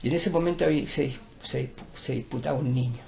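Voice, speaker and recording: A man's voice: mid-range voice, brisk, gravelly, a little mellow. An older man with a Chilean accent, a teacher and performer, talking in a digressive, lecturing way with many restarts. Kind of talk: rambling conversational interview.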